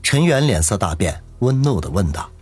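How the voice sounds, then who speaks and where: Husky male audiobook narrator. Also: on the low side, sing-song, moderate pace, a little mellow, no room sound. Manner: dramatic storytelling. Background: faint music.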